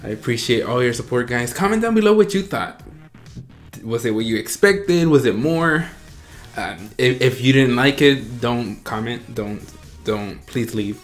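This is a man at a middle pitch giving a casual, excitable reaction on camera. He rambles and repeats himself, often breaking into laughter. Faint music sits in the background. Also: measured pace. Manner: excitable, gushing, laughing, trailing off. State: out of breath. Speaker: reaction video host.

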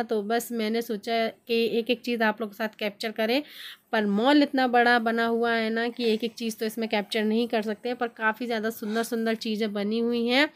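A woman's voice: on the high side, fairly bright tone. A woman in her thirties narrating a family vlog as a voice-over, chatty and gushing, with many small fillers. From India. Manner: chatty, repeats fillers, gushes over what she shows. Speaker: family vlogger.

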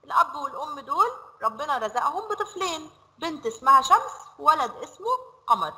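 A woman with an Egyptian Arabic accent teaching a children's lesson, stretching words out slowly as she drills them. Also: sits high, big pitch swings, pushed and bright, low-quality recording. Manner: slow, drawn-out word drills.

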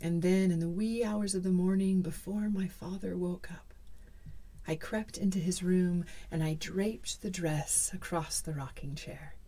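A woman storyteller telling a folktale in the first person, dramatic and dropping to hushed whispers. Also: fairly low pitch, steady tone, measured pace.

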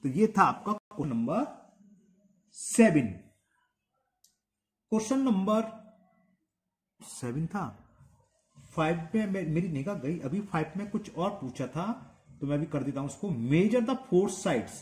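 A man teaching a maths lesson step by step. He dictates steps slowly while he writes and asks checking questions. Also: fairly high pitch, lively intonation, a little mellow. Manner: stretches out dictated words. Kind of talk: step-by-step geometry lesson in Hindi with English terms.

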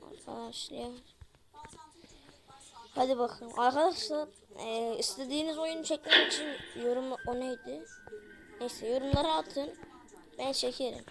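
A woman's voice: high-pitched, normal speed, vocal fry, pauses often, a crowd in the background. A woman hosting a horror game let's play, talking to her viewers and crying out whenever the game startles her. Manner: jumpy, cries out when startled, keeps addressing viewers. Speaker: gaming channel host.

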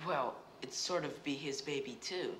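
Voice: medium pitch, normal speed, fairly bright tone, natural voice. An actor playing a surprised but matter-of-fact teenage schoolkid, on roomy old TV audio with faint hiss.

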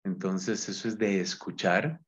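A man with a Colombian Spanish accent, a Dominican friar, teaching biblical Greek patiently and chanting verse lines slowly. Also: lowish voice. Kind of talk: gentle Bible lesson with sung Greek verse. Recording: slightly dull, lo-fi recording.

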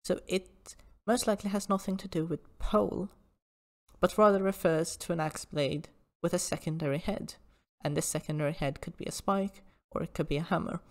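A woman presenting an informal history lecture in a measured, precise, explanatory way. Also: lowish voice, a little mellow.

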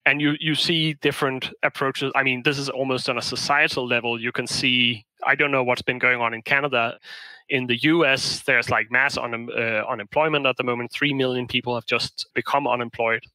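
A man's voice: mid-range voice, fairly even intonation, brisk, pushed and bright, dry recording, rough recording. A man from Denmark, a management consultant, answering interview questions in a thoughtful, explanatory way with frequent restarts.

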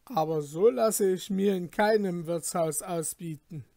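A man's voice: sits high, measured pace, creaky, dark tone, no echo, clean studio sound. A man doing an indignant craftsman. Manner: indignant, astonished. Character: honest astonished male compass-smith craftsman.

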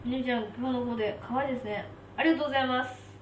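A woman's voice: high-pitched, fairly even intonation, very fast. A young woman hosting a casual live stream, chatting and reacting aloud as she eats spicy noodles and reads out viewer comments. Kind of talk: casual live-stream chat while eating. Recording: roomy, slightly distant mic with faint background hum.

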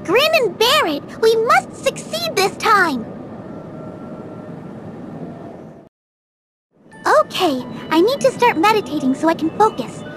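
Zealous little fairy for a fantasy game: piercingly high, commanding, music behind. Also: female voice, moderate pace. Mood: determined. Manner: excitable, commanding. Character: tiny, zealous, bossy female fairy. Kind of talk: video game voice acting.

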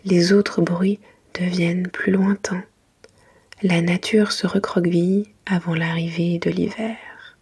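A woman narrates a children's bedtime book in a very breathy, mostly whispered ASMR voice. Her pitch sits a little low. She reads gently and carefully, as if to young children. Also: level tone, slow pace. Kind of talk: soft whispered ASMR bedtime story reading.

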